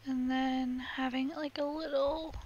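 Playing a building game, a young female gaming vlogger rambles chattily, dropping little laughs and occasionally cracking her voice. She speaks high and steady, unhurried, with a darkish tone. The recording has its highs cut off.

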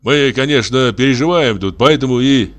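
A man's voice: mid-range voice, normal speed, fairly bright tone, natural voice. A man voicing a curt, firm father who reins in his son in a storybook reading.

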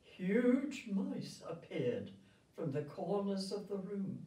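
An elderly woman in her seventies or older, a resident of a retirement village, slowly reads a storybook aloud to children. Her mid-range voice is warm and swings widely in pitch. She's in an indoor room with a festive backdrop, and the microphone sits far away, giving a roomy sound.

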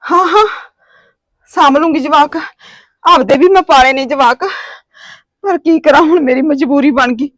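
A woman plays a desperate village wife cast out by her in-laws, weeping as she begs for a roof and two meals a day. Her voice sits high and tearful. The recording is close and dry. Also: normal speed, pauses often, no echo, natural voice. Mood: earnest pleading. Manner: pleading, tearful. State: crying. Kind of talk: amateur short-film acting.

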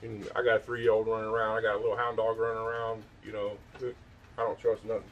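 Showing thrift finds outdoors at night on a back porch, this man speaks fast in a low and totally flat voice, full of fillers and restarts. The distant mic gives phone-quality audio with slight hiss or hum, fitting the casual vlog show-and-tell.

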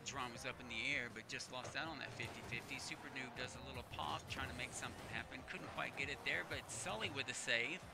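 A man gives relaxed play-by-play commentary on a car-soccer video game match, his voice at an ordinary middle pitch. He calls the action in an easygoing way and lifts his voice on near misses. Loud game music runs under him the whole time. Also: quick pace, vocal fry, few pauses. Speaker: esports commentator.

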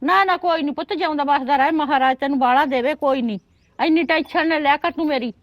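A woman's voice: sits high, fast talker, no echo, lo-fi sound, natural voice. An actress playing an older rural Punjabi mother visiting her married daughter, chatting homely and fond. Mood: chatty.

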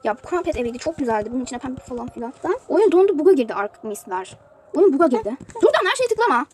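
A woman's voice: high voice, lively intonation, rapid-fire, dark tone, breathy edge. A woman giving casual commentary on a mobile game she is playing, chatty and prone to exasperated outbursts. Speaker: youtuber showing a mobile game.

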